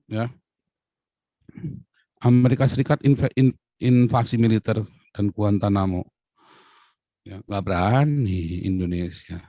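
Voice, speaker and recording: Heated man ranting into a dry mic. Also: dry recording. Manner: heated, swings between loud outbursts and low muttering. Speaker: commentator. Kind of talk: angry political rant.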